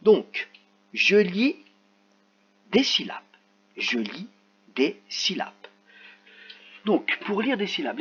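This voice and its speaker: Man, teacher, children's reading lesson, slow sounded-out words, husky voice, lo-fi recording. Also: sits high, fairly bright tone. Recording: slightly dull lo-fi sound.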